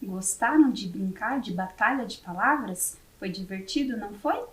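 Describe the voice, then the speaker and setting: A Brazilian woman teacher with a Brazilian Portuguese accent, leading a word game for young children on a TV lesson and slowly spelling each word letter by letter. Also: medium pitch, expressive, roomy sound, far from the mic. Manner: slow, spelling words letter by letter. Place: classroom studio for educational TV.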